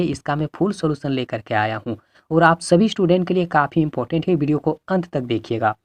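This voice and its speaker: A man's voice: on the high side, no room sound. A male teacher walking students through exam questions in an earnest, repetitive way, with a Hindi-belt Indian accent. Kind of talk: exam-prep lesson.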